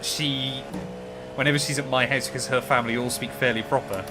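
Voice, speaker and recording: A man's voice: mid-range voice, steady tone, a little fast, music in the background. A man with a thick West Country English accent, chatting casually while sim racing on a livestream. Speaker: streamer and endurance sim racer. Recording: clear car engine noise behind. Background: car engine noise from racing game.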